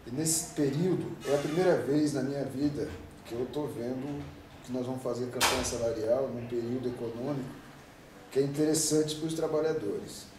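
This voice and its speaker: A man's voice: mid-range voice, brisk. A Brazilian man in his fifties, a union president answering interview questions at length, emphatic and rambling, full of rhetorical questions. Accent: Brazilian Portuguese. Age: 50s. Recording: echoey room, distant mic, faint noise.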